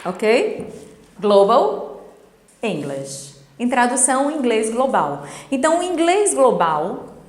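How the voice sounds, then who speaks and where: A middle-aged woman, an English teacher, explaining a lesson in a didactic way and checking in with her students through quick tag questions. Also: high voice, big pitch swings. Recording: roomy echo with long reverb.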